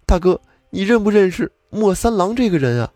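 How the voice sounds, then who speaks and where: A man's voice: expressive, fairly quick, warm tone, no echo, studio quality. A man doing a pleading young fox-spirit man. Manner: begging, high strained voice.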